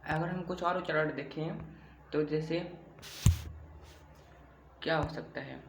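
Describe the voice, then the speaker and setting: A man teaching a grammar lesson, explaining slowly and repeating himself, often asking a question before he answers it. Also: fairly high pitch, steady tone, creaky. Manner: slow, repetitive explaining with rhetorical questions. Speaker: Hindi teacher. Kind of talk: classroom-style grammar lesson. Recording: echoey room with faint background hum.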